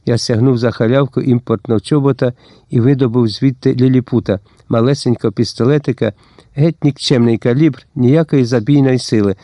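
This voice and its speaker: A man reading a first-person audiobook with lively storytelling that slips into a slangy tough-guy voice. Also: medium pitch, fairly quick, no room sound, clean studio sound. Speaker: audiobook narrator. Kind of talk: scripted first-person narration.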